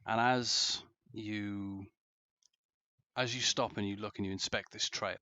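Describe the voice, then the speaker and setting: Man, dungeon master, relaxed and halting narration, lowish voice. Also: no echo. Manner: relaxed and halting, with many fillers. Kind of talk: narrating a tabletop game. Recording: dull lo-fi sound.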